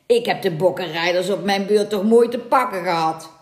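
A woman's voice: medium pitch, normal speed, lightly acted. A woman voicing a boastful, sly older male village priest who gloats and roars with laughter. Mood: gloating. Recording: echoey room.

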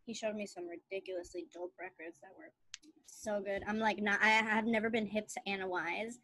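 A woman's voice: mid-range voice, steady tone, brisk, bright, forceful tone, dry recording. A woman in her thirties chatting casually on a podcast, telling stories in a bubbly way and laughing often. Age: 30s. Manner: giggly, bubbly storyteller who laughs often. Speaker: podcast co-host. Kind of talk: casual chat.

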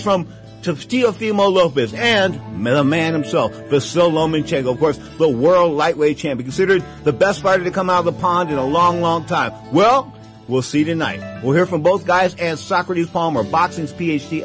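Hosting a sports radio show in the studio, a man delivers a showy, emphatic boxing monologue full of ring-announcer flourishes and repeated catchphrases. His voice is slightly high, animated, fairly bright, and at normal speed, with faint music underneath.

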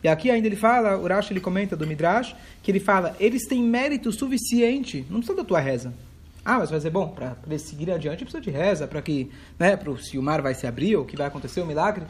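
A man teaching a lively text study class, acting out dialogue and mixing in Hebrew phrases. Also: fairly high pitch, fast. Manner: expressive, acts out dialogue, mixes in Hebrew phrases. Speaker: Torah teacher.

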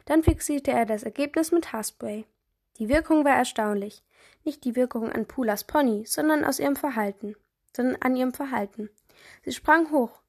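A woman reading a children's story aloud for her podcast, lively, with small slips and restarts. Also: high voice.

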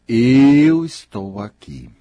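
A man's voice: medium pitch, very animated, drawn-out words, mellow, no room sound. A man giving an emphatic, preachy motivational monologue and mocking other people's complaints. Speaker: self-help speaker.

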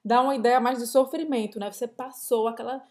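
A woman's voice: fairly high pitch, fairly even intonation, brisk. Chatty woman co-hosting a lesson. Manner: chatty, asks follow-ups and explains in Portuguese. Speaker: co-host. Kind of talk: podcast language lesson.

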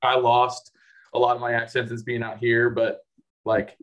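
A man's voice: medium pitch, completely flat delivery, normal speed, muffled recording. Chatty man from the Chicago suburbs. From Chicago suburbs, USA. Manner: rambling, lots of "like" and restarts. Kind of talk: casual chat.

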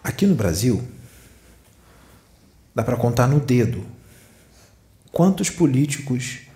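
A man's voice: mid-range voice, very animated, takes it slowly, mellow. A man giving a channeled spiritual sermon, admonishing his listeners with rhetorical questions. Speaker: spiritual medium. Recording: echoey room.

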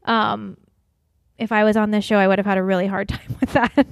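A woman's voice: medium pitch, flat delivery, a little fast, vocal fry, dry recording, studio quality. A woman co-hosting a casual podcast, chatty and reactive, often restarting her sentences. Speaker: podcast co-host. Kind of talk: casual chat.

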